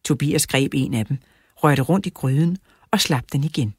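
A woman reads a children's book aloud in a steady storytelling manner. Her voice is low and husky. It is recorded close and dry, with no room sound. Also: no echo. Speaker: audiobook narrator. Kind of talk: children's audiobook reading.

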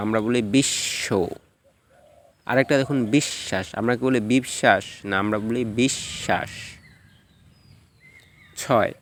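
A young man teaching an exam-prep pronunciation lesson, explaining rule by rule and answering his own questions. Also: medium pitch.

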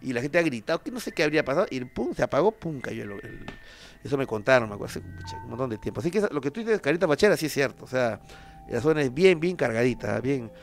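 A man with a Peruvian accent hosting a paranormal show, telling stories in a loose, slangy, animated way with lots of fillers. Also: medium pitch, fast, faint music behind. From Peru. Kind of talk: casual paranormal storytelling.

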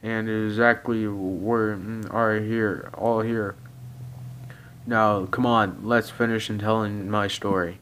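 A man's voice: fairly low pitch, little pitch movement, takes it slowly, a bit bright, a little hiss or hum, low-quality recording. A man doing a grumpy ogre dad. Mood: grumbling. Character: grumpy gruff male ogre father.

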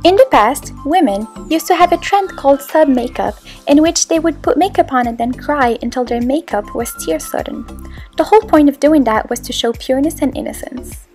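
A young woman from Morocco reads her video narration in a high, light voice. Her delivery is scripted and explanatory. Faint music plays underneath. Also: animated, moderate pace, darkish tone. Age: young adult. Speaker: student presenter.

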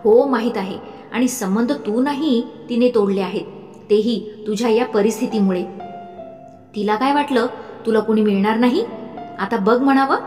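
A woman plays an older mother figure in an audiobook story, coaxing and firm by turns. The delivery is slow and deliberate. The voice echoes in a reverberant room with faint music underneath. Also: fairly high pitch, a little mellow, close to an everyday voice. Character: older mother figure, fond but insistent. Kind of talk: audiobook narration.

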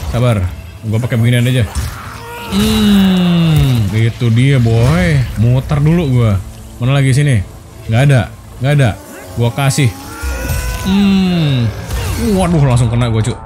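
A man's voice: mid-range voice, measured pace. A young man, commentating casually on his own gameplay, joking and squealing as he plays. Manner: playful, excitable, jokey slang and squeals. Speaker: gameplay streamer. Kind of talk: casual let's play commentary. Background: game music.

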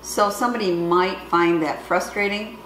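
This is a middle-aged woman reviewing a product, casually demonstrating it in her kitchen at home while explaining in straightforward terms, the camera a few feet back. She speaks at medium pitch and a moderate pace, with a steady, slightly bright tone. There's an echoey, roomy quality and faint background noise.

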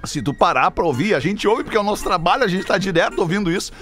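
Male radio host, high pitch, lively intonation, casual banter, close studio mic, music behind. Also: fast talker. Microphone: studio microphone, close, with headphones.

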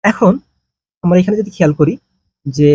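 A language teacher with a high, dark-toned, slightly husky voice gives a grammar lesson at a moderate pace, explaining step by step and answering his own questions. The recording is dry and a little dull, with no room sound.

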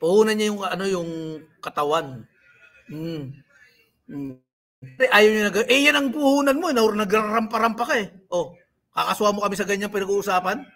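A man hosts a livestream, ranting in live commentary as he mocks and scolds the people he's talking about. His voice is high and fairly bright, at a normal speed with long pauses.

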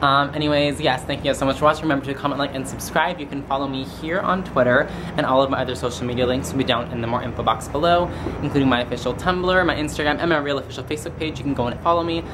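A man's voice: medium pitch, rapid-fire, noisy background. A young man chatting casually and informally to his vlog camera at arm's length in a hotel room. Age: young adult. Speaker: vlogger. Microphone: handheld camera at arm's length.

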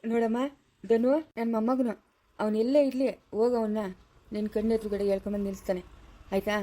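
A woman voicing a kindly grandfather who speaks in a measured, reassuring way. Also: on the high side, flat delivery, warm tone, close to an everyday voice.

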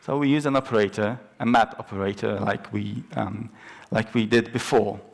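A man's voice: lowish voice, fairly even intonation, normal speed, vocal fry. A young man presenting a technical talk on a large conference stage, explaining step by step with frequent ums and restarts. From Poland. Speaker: conference speaker.

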